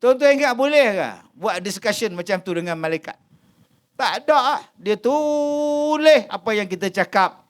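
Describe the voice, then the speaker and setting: A man's voice: very high voice, animated, moderate pace. A man with a Malaysian Malay accent giving a humorous religious lecture, mimicking people in comic asides. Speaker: preacher.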